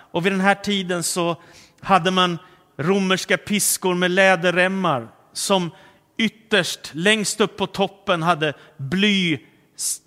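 Man preaching in a reverberant hall. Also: high voice. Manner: storytelling, slows and softens on solemn words. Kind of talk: sermon retelling the Passion.

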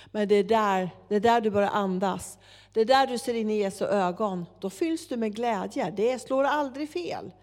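A woman preaching a sermon, telling a story with lively acted-out dialogue. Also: high voice. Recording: long hall reverb.

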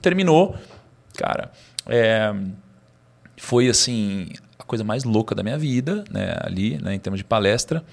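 A man, a podcast guest telling a story in a lively, slangy way with laughs. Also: on the low side, a little slow, vocal fry. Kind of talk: casual storytelling interview.

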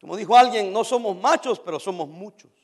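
A male pastor preaching an animated sermon, swinging from shouts down to near-whispers and acting out his church members' complaints. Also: sits high, a little fast.

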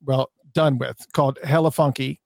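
A man hosting a casual interview, enthusiastic and full of praise, with a few halting restarts. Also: medium pitch, fairly even intonation, creaky, darkish tone, dry recording. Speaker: interview host.

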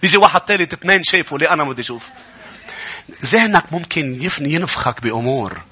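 A male pastor with a Lebanese Arabic accent preaching a sermon, building from conversational teaching to impassioned shouting. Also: fairly high pitch, expressive, quick pace, slightly rough.

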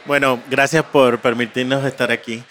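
Measured man answering on a panel. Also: medium pitch, level tone, fairly bright tone, a little hiss or hum. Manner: measured, with frequent hesitations. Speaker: curator, panel guest. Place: live panel at an art fair.

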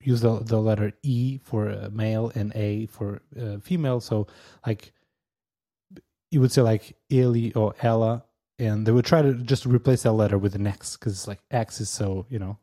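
This podcast co-host, a native Portuguese speaker, has a mellow, lowish voice with fairly even intonation. He chats casually but hesitantly, halting often, filling gaps with fillers and chuckling a lot.

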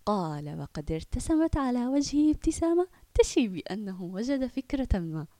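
Female storyteller, clear children's-story narration, dry close recording. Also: on the high side, big pitch swings, normal speed, mellow, dry recording.

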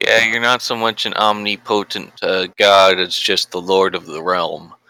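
A man's voice: low voice, level tone, unhurried, bright, forceful tone, smooth, low-quality recording. A man chatting casually on a podcast as a co-host, explaining things in a wordy way.

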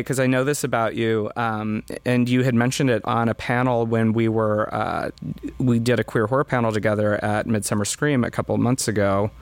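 A man's voice: mid-range voice, clear, resonant tone, no echo. Enthusiastic male interviewer, dry sound. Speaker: interviewer, host. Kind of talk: interview questions.

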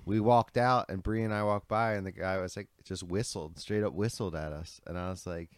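A man's voice: sits low, steady tone, brisk, dry recording, clean studio sound. A man hosting a podcast in a rambling, slangy, sweary way, full of bro and dude. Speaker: podcast host. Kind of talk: casual rambling podcast chat.

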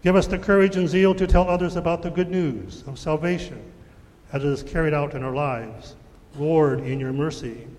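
A man leading the prayers of the church in a measured, solemn way, his voice ringing with a long echo in a large church. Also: a little high, darkish tone, a little hiss or hum. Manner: measured, solemn liturgical reading. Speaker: worship leader. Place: church sanctuary.

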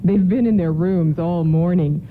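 A woman playing a cheerful, devoted 1950s wife and mother in a vintage-style radio play, affectionate and expressive. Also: lowish voice, unhurried, phone-quality sound, close to an everyday voice. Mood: fond, playful. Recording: band-limited vintage radio sound, faint noise.

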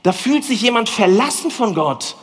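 A man preaching a lively, colloquial sermon in a church hall, speaking directly to the congregation. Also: high voice, moderate pace, breathy edge. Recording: long hall reverb.

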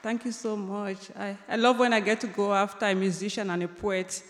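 This storytelling lecture comes from a young Cameroonian woman, an author on stage in a large, reverberant lecture hall. Her mid-range voice is steady in tone and fairly quick, and she tells her personal story with light humor, lots of ums, and restarts.

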